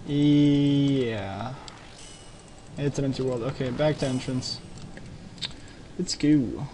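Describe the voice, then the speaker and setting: A young man leads his clan in an online game, speaking into a headset mic with short, repeated commands and live commentary. His voice is medium-pitched, slow and dark, with a slight hiss or hum.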